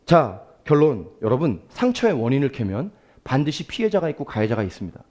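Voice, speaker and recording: A man's voice: medium pitch, fairly quick. A male pastor giving a Sunday sermon, asking the congregation questions and acting out quoted prayers. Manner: animated preaching, asks the congregation questions; acts out quoted prayers and speech.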